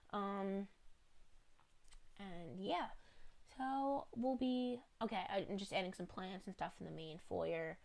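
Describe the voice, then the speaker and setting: A woman at medium pitch narrates a home-building game video, slightly congested from being a little ill. Her talk wanders, apologizes often, and stays chatty, with plenty of fillers.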